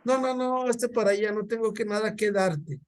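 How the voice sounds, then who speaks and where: Man doing an arrogant rich Mexican man, curt, scornful, high-pitched. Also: fairly even intonation, moderate pace, natural voice. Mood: dismissive.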